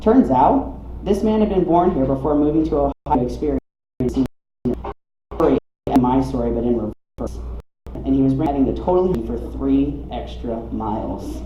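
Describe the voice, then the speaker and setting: Speaking at a normal pace in a mid-range voice, a man from the US Southeast reads his own humorous life story to a coffee shop audience with dramatic, wry comic flair. It's a muffled, roomy live recording with some noise.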